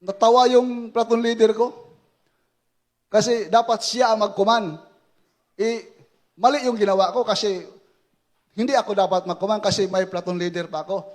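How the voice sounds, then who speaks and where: High-pitched fervent preacher man. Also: fairly even intonation, moderate pace, long pauses. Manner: fervent preaching with shouted praise and acted war story. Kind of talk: sermon.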